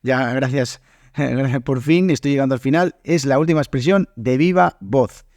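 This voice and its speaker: A man from Spain with a hoarse, fading voice, explaining a Spanish lesson on his podcast and often checking in with his listeners. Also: medium pitch, moderate pace, darkish tone, no room sound, studio quality. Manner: explanatory, many fillers and checks. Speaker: Spanish teacher, podcast host.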